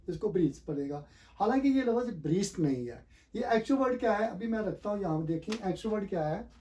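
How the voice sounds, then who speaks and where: A man's voice: high voice, mellow, recorded from a distance. A man teaching a pronunciation lesson, asking and answering his own questions and spelling words out letter by letter. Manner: hesitant, many fillers and restarts.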